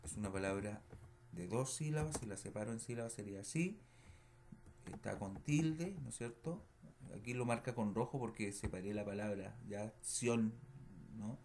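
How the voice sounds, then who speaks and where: A man teaching a remote lesson, speaking slowly and patiently, repeating words and checking understanding with short questions, with keyboard typing behind him. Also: lowish voice, darkish tone, a little hiss or hum. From Chile. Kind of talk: recorded remote lesson feedback.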